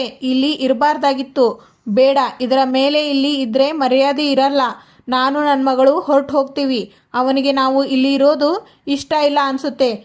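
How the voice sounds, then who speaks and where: A woman's voice: high-pitched, close to an everyday voice. Woman reading as a self-pitying scheming widow. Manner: plaintive, self-pitying complaints. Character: tearful scheming widowed woman, middle-aged.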